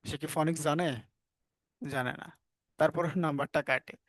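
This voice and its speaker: A man's voice: a little high, fairly even intonation, moderate pace, fairly bright tone, no echo. A man with a Bangladeshi accent teaching an online class, explaining step by step and asking his students questions. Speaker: English teacher.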